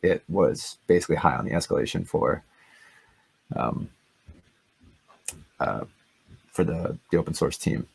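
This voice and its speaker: Brief: Canadian man, very deep and husky, easygoing co-host, dry sound. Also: unhurried, long pauses, no echo. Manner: laid-back, agreeable, short replies. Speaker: podcast co-host. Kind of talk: casual tech chat.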